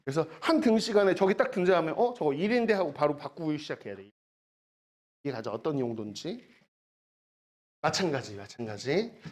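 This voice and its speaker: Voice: medium pitch, animated, a little fast, pauses often, a little mellow. A math teacher giving a recorded lecture, talking casually, repeating key words, checking that students follow, and breaking off for jokey asides. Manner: asks learners to check understanding.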